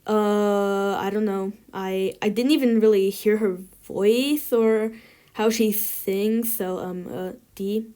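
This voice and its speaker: A woman's voice: medium pitch, fairly even intonation, takes it slowly, dark tone, clear, resonant tone. A woman ranking things in a tier list, chatting casually and giving blunt opinions with lots of filler words. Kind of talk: casual chat.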